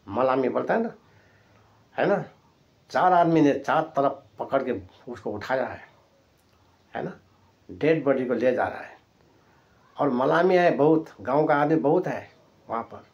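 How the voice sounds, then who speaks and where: A man's voice: medium pitch, darkish tone, highs cut off. A man preaching a sermon, retelling a story vividly with repeated phrases and constant tag questions to his listeners. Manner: repetitive, emphatic phrasing.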